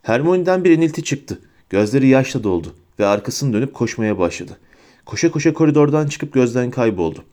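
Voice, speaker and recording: A man reads an audiobook aloud in a measured, expressive storytelling voice. His tone is mellow and dark. He pays close attention to each sentence. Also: mid-range voice. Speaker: audiobook narrator. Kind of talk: scripted audiobook narration.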